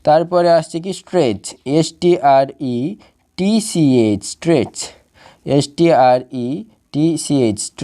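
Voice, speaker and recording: A man's voice: medium pitch, warm tone. A man teaching English vocabulary, spelling words out letter by letter and repeating their meanings patiently. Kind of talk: spelling and pronunciation lesson.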